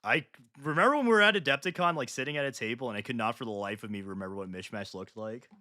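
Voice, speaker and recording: A man streaming while painting miniatures, chatting casually, joking loudly and laughing often. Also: medium pitch, very fast, dry recording, clean studio sound. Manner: loud joking outbursts and frequent laughter. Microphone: home streaming mic.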